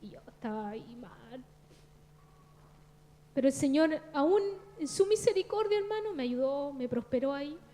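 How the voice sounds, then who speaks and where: A Chilean woman with a very high, piping voice gives a church testimony. She speaks earnestly and confessionally, turning to the congregation as brother. She sounds like a woman in her thirties. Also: darkish tone. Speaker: church member giving testimony. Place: church service.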